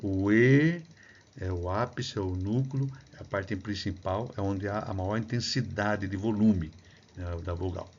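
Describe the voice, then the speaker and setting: A man's voice: fairly low pitch, unhurried, darkish tone, dull audio. A man from Brazil giving a recorded lecture on phonetics and music. He explains the material step by step, sounds out sample syllables aloud, and often checks in with a tagged "né?". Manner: explanatory, demonstrates syllables aloud, frequent "né?" tag. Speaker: music researcher and clarinet teacher.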